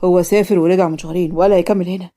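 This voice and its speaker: A woman voicing a caring middle-aged father who speaks calmly and affectionately with an Egyptian accent in a cartoon story. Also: fairly low pitch, rapid-fire, pitched below the performer's own voice, lightly acted.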